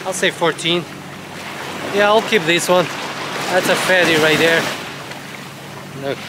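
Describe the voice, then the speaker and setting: A middle-aged man narrates his fishing vlog in a fairly high, chatty voice, calling his viewers "guys." He is recorded outdoors on a seaside jetty by a chest-mounted action camera, and loud surf and wind roar behind him. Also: unhurried. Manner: chatty, addresses viewers as guys, excited when a fish bites. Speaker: fishing vlogger. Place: rocky jetty on a beach by the sea, outdoors. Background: loud waves and wind.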